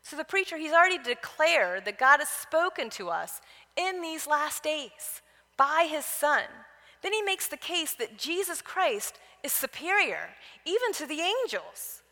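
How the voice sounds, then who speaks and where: A woman with a bright, forceful, fairly high voice delivers Bible teaching in a conversational way. She moves from personal stories to direct exhortations to the listeners. Her voice carries a long reverb from a large hall. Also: big pitch swings, unhurried. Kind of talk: conference Bible teaching talk.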